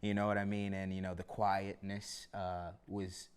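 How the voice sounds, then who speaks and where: A man's voice: deep voice, completely flat delivery, measured pace, clear, resonant tone. A man from Harlem hosting a casual interview, easygoing and full of "you know" fillers. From New York City (Harlem). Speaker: podcast host.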